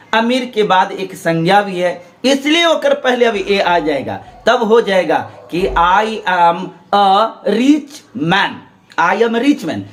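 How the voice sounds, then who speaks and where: A man's voice: sits high, a bit bright. A man teaching English grammar in Hindi, explaining step by step and asking and answering his own questions. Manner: drills learners to repeat aloud.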